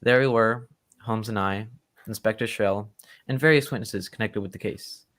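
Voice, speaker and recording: An actor playing a genial, loyal and excitable English gentleman doctor who tells stories in old-time radio drama style. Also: lowish voice, normal speed, lightly acted. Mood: earnest storytelling. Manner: genteel, old-fashioned storytelling.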